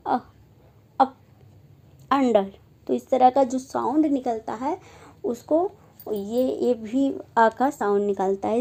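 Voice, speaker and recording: Young female teacher with a fairly high, mellow voice, slow and repetitive, sounding out example words. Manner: slow, repetitive, says each example word aloud. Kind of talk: phonetics lesson explained in Hindi.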